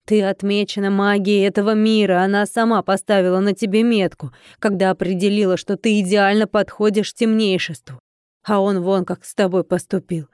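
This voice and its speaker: Woman reader doing a weepy, fussing middle-aged innkeeper, mellow low voice, dry close sound, for a fantasy audiobook. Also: fairly even intonation, normal speed, clean tone, no echo, close to an everyday voice. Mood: tearful.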